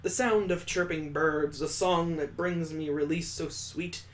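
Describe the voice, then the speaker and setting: In a gaming video, a male host reads out visual novel passages with expressive fun and his own comic asides. He has a higher-leaning voice and takes his time.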